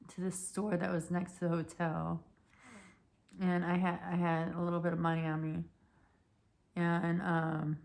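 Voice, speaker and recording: A woman in her thirties tells a story in a casual vlog, her voice hoarse and cracking as she loses it. She speaks low and flat, rambling and halting with many restarts and fillers.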